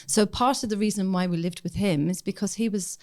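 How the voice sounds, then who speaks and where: A woman's voice: medium pitch, fairly quick, a little mellow. A woman, a podcast guest telling her life story in an open, reflective way. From Ireland. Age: 50s. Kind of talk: casual chat.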